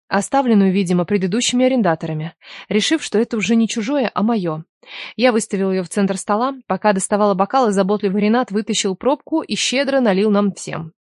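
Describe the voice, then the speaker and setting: A woman narrating a first-person novel as an audiobook, in an even storytelling read. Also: mid-range voice, no echo, studio quality.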